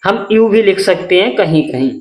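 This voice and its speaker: A man teaching English spelling step by step, spelling letters out one by one and asking the class quick questions. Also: high-pitched, expressive, reverberant, rough recording.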